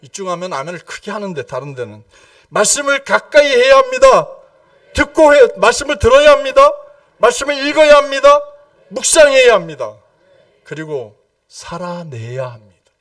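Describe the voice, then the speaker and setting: A man preaching an evening prayer sermon as pastor, emphatic, firing repeated questions at the congregation and swinging from loud exclamations to hushed low lines. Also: big pitch swings, normal speed, dry recording, clean studio sound, distant mic. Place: church sanctuary.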